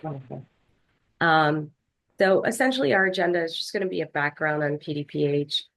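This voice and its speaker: A woman leading a health department, presenting slides to a board over a video call in a measured way with frequent fillers. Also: deep voice, rough recording. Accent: Philadelphia. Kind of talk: formal online meeting presentation.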